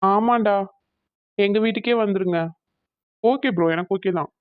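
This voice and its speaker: Young man, cartoon dub, casual friendly talk, mid-pitched, muffled dry sound, voiced by a man. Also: normal speed, smooth, no echo, natural voice. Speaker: friend planning an outing. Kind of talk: cartoon voice acting.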